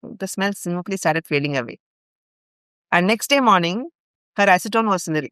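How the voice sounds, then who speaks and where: This podcast guest, a middle-aged woman from Bhopal, India, and a longtime ashram volunteer, earnestly recounts a lengthy personal story with an Indian English accent. Her lowish, fairly bright voice moves at a normal speed and sounds animated. The studio recording is clean, with no room sound, and she strings events together in long runs full of fillers.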